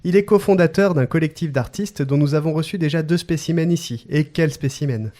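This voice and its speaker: A man's voice: on the high side, a little fast, dark tone. A man hosting a podcast, reading out a guest introduction with playful joking asides and frequent laughter. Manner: playful, often breaks into laughter. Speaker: podcast host.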